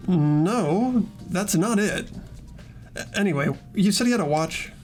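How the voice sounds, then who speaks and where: Faint music plays behind a man voicing a sincere, easily rattled teen boy in a homemade visual novel dub. He narrates and speaks the lines in a voice that sits high, a little slow, hesitant but expressive.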